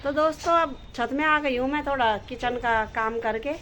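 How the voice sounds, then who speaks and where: A woman's voice: high voice, normal speed, a little hiss or hum, rough recording. Chatty woman vlogging at home. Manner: chatty, addresses viewers as friends; loud scolding of her dog. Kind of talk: casual home vlog chat. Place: home kitchen and rooftop.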